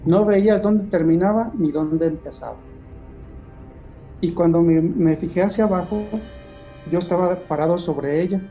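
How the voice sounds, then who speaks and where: Man recounting a vision, mellow. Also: sits high, dull audio, faint music behind. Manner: halting storytelling with many restarts. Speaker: guest giving testimony. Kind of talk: personal testimony in conversation.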